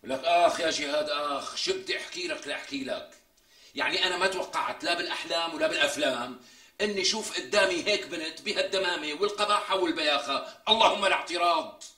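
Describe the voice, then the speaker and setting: A man's voice: on the high side, sharp tone, echoey room. An actor playing a melodramatic, boastful man in a TV comedy sketch, talking in a theatrical, exaggerated way. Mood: mocking. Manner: theatrical, exaggerated, drawn-out emphasis. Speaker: comic sketch character.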